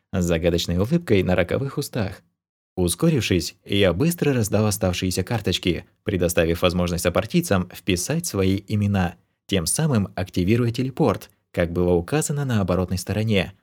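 A man reads a first-person fantasy audiobook in a low voice. His delivery is wry and expressive. His pitch rises and falls in lively swings. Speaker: audiobook narrator.

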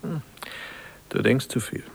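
An actor playing a devoted husband caring for his dying wife, speaking gently and often in a whisper, in a German radio play. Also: a little slow, slight background noise, lightly acted. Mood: gentle.

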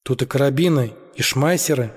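A man voicing an excitable, boastful young man, in a husky voice. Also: medium pitch, a little fast, big-room sound, natural voice. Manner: eager, boastful.

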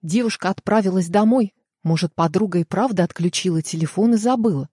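A woman narrating a detective audiobook in a steady storytelling manner, on a close studio mic. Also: mid-range voice, brisk, breathy edge, no echo. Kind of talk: scripted narration.

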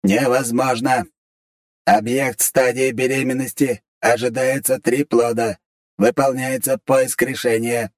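A man voicing a huge, stern robot guardian with a booming metallic voice, announcing in loud, clipped phrases like a machine. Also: flat delivery, unhurried, no echo, close to an everyday voice. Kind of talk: audiobook character reading.

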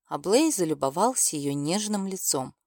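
A woman reading a fantasy novel aloud as audiobook narrator, with even storytelling delivery. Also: on the low side, normal speed, no room sound, studio quality. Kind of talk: scripted narration.

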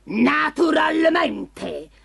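Woman playing a slow boastful ogre. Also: big pitch swings, creaky, shouting, background noise, full character voice. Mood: smug. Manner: slow, booming, drawn-out. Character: huge boastful male ogre.

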